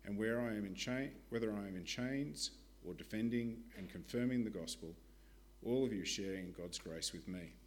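A man presenting to a church, reading a prepared ministry report and Bible passages in a steady, measured way. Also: lowish voice, a little hiss or hum.

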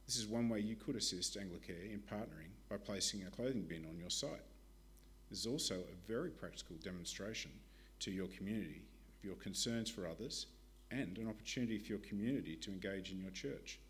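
A man's voice: fairly low pitch, slight background noise. Man reading a ministry report aloud. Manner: steady, measured reading with occasional fillers. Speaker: church presenter.

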